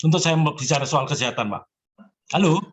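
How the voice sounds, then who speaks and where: A man's voice: a little high, lively intonation, brisk. A man in his seventies giving personal zodiac readings on a call. He speaks in an encouraging, emphatic way and addresses the listener respectfully. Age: 70s. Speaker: zodiac fortune consultant.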